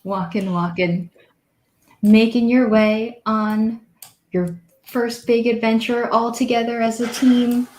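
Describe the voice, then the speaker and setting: A woman narrates a tabletop game as dungeon master, talking slowly and describing each scene at length. Her voice sits a little high and carries the ring of an echoey room. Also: level tone, a little mellow. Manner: unhurried, descriptive, with small self-corrections.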